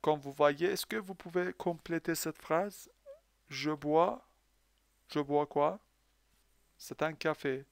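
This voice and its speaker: A man's voice: a little high, takes it slowly, creaky, long pauses, no room sound. A man teaching a French lesson to learners who speak Persian. He is patient, asks the class questions and then answers them himself. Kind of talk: language lesson.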